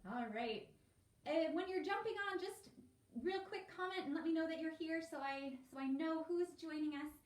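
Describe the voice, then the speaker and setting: Over a home livestream, a woman leads an elementary music lesson, encouraging young children in a sing-song way. Her voice is very high-pitched and moves at a moderate pace. The recording sounds roomy and distant, with faint background hiss.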